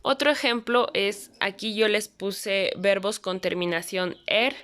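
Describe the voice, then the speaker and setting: Slow, patient woman teacher. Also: medium pitch, a bit bright. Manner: patient, explanatory, pauses with fillers. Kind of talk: online grammar lesson.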